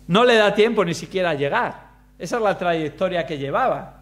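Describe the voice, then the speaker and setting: A man preaching a sermon, expressive, using rhetorical questions and shifting pace for emphasis. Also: high-pitched, fairly quick.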